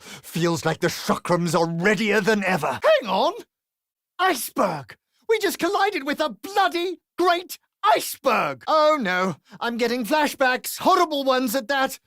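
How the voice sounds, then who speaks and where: A man with a British accent voicing a crude, sardonic male adventurer who trades cheeky, quick-witted quips in a video game. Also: high-pitched, a bit bright, dry recording, studio quality, heavily acted. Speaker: playable game character.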